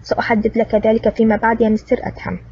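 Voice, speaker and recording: A woman's voice: fairly high pitch, little pitch movement, racing, warm tone, slight background noise, lightly acted. A woman voicing a cunning, gloating old man villain in a wheelchair in an audiobook, speaking smugly. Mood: sly menace. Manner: cunning, smug and mocking. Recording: distant, dull lo-fi recording.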